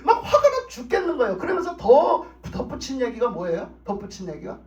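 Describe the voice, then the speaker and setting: A man's voice: extremely high pitch, huge pitch swings, a little fast, darkish tone. A man preaching a revival sermon in an emphatic, repetitive, colloquial way in a church. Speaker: pastor. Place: church sanctuary. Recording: roomy dull sound, mic at a distance.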